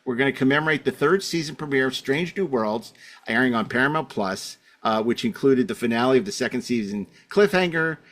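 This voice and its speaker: Hosting a laid-back podcast, a middle-aged man meanders through his introductions, adding wry remarks and poking fun at himself. His mid-range voice is expressive, fairly quick and somewhat bright.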